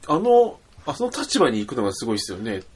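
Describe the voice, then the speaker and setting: Quick lively-voiced co-host, faint hiss. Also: male voice, mid-range voice, slightly rough. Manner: agreeable, asks questions, quick laughs. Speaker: podcast co-host. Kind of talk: casual chat.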